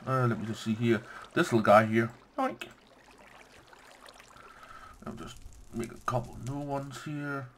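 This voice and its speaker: A man giving casual let's-play commentary on his game, playful and quick to gush with delight. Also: mid-range voice, a bit bright, a little hiss or hum. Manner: playful, gushes with delight, says "yoink" and "bam". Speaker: gameplay commentator.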